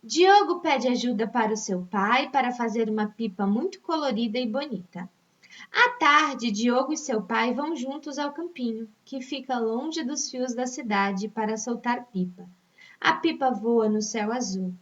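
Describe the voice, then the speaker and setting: A woman's voice: fairly high pitch, normal speed. A woman teacher with a Brazilian accent patiently reading test questions aloud to young pupils, stretching out each answer option. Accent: Brazilian Portuguese. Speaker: primary school teacher. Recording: dull, distant lo-fi recording.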